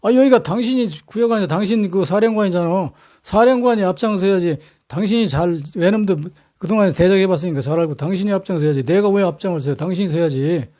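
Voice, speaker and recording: A man's voice: high voice, quick pace, few pauses, dark tone, lightly acted. A man voicing an indignant, brusque male naval commander who scolds and talks back in a raised voice. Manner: scolding, retorting.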